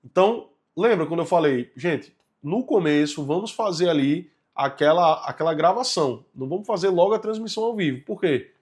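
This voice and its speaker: A man's voice: on the high side, animated, fairly quick, a little mellow. Chatty man teaching on camera. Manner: conversational, addresses viewers directly with frequent "né?". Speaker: course instructor. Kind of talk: recorded video lesson.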